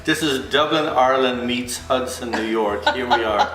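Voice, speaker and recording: A man's voice: medium pitch, moderate pace, a bit bright. A man co-hosting a cooking show, chatting in a playful put-on Irish brogue. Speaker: co-host. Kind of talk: casual chat. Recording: echoey room with music.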